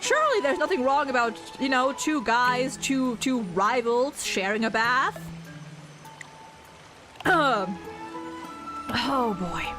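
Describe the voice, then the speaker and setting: A woman's voice: sits high, animated, slow, pauses often, music in the background. A woman giving casual live game commentary as a streamer, stammering and repeating her words as she reacts.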